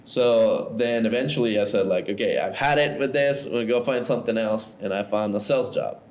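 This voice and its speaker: With a lowish voice and a brisk pace, this thirty-something man from Ecuador recounts his story on a podcast. He keeps it loose and easygoing, full of "like" and "right?".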